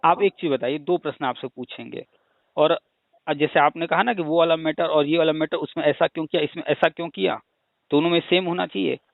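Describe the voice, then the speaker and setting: A fairly high-voiced man lectures patiently, building his points with rhetorical questions and homely examples. The sound is thin and phone-like, and very dry. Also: fairly quick, creaky, dry recording. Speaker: teacher hosting a call-in discussion. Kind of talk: casual explanatory phone chat. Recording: tinny phone line.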